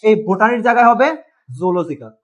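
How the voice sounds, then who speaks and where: A man's voice: sits high, expressive, quick pace, a bit bright. A man teaching a biology class at a board, asking questions and answering them himself, and spelling words out. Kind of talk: classroom lesson.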